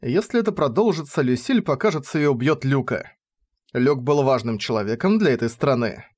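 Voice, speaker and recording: A man reads a fantasy story aloud in steady, measured narration. His voice sits at a middle pitch and keeps an even, unhurried rhythm. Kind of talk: scripted audiobook narration.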